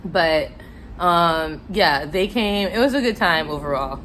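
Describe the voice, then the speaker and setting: A woman's voice: on the low side, a little slow, a bit bright, slight background noise. An American woman telling a casual, chatty, self-deprecating story to viewers while eating, her mouth sometimes full. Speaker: mukbang vlogger telling stories.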